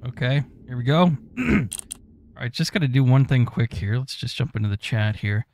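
Animated man streaming a game. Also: mid-range voice, normal speed, gravelly. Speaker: live streamer playing a video game. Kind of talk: casual live-stream gameplay commentary.

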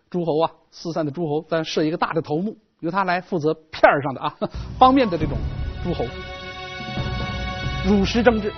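A man giving a televised history lecture, telling the story in a lively, colloquial way with playful asides. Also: high-pitched, breathy edge, lo-fi sound.

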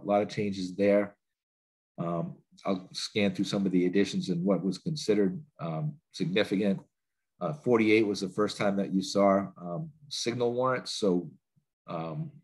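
Heard in a low-quality recording, a man with a low, slightly rough and somewhat mellow voice presents a training webinar from his home office via laptop video call. He's stuffed up with a cold and speaks in loose sentences, filling and restarting often.

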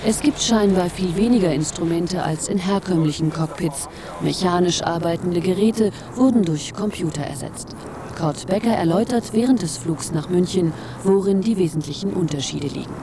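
A woman's voice: lowish voice, normal speed. A woman reading scripted documentary narration as a voice-over. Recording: clear aircraft noise behind narration. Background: aircraft and airport ambience.

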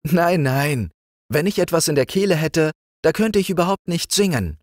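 A man's voice: a little high, expressive, moderate pace, dry recording, studio quality, voice pushed up, close to an everyday voice. A man voicing a sweet, chirpy nightingale princess in a storybook reading. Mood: joyful. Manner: light, chirpy.

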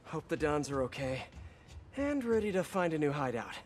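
A man's voice: a little high, very animated, moderate pace, a little hiss or hum. An actor voicing a quippy, self-deprecating young male superhero in a video game. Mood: wry, focused. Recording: game music behind the voice.

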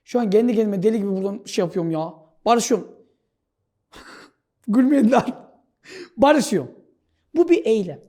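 A man teaching a Turkish exam-prep lesson, jokey and playful, calling students "brother" and shouting now and then for fun. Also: high voice, expressive, moderate pace, long pauses. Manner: playful and jokey, breaks into shouts and sound effects; addresses students as "kardeş". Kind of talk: energetic video lesson solving exam questions.

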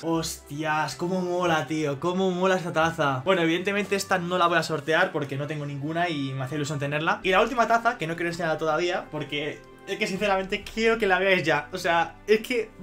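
A young man from Spain with a Spanish accent, excitedly unboxing on a video, exclaiming and swearing as he goes. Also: on the high side. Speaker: YouTuber.

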